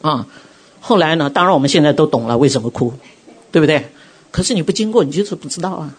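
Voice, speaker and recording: A middle-aged woman preaching a sermon, telling her own testimony in an animated way and acting out quotes. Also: sits low, quick pace, breathy edge. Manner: animated storytelling, acts out quotes.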